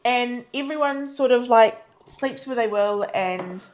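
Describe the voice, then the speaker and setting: A woman's voice: a little high, measured pace. A woman co-hosting a casual live stream, teasing her co-host and adding context.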